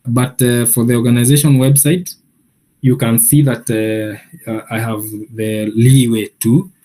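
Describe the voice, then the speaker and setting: A man giving a software training session, explaining each step patiently with many pauses and filler sounds. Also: mid-range voice, level tone. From Kenya.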